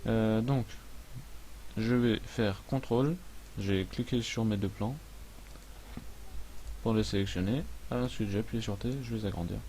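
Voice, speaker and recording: A man hosting a casual software tutorial, thinking aloud as he works, with frequent hesitations and friendly, self-mocking asides. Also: lowish voice, measured pace, long pauses, a little hiss or hum. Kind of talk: casual screen-recorded tutorial.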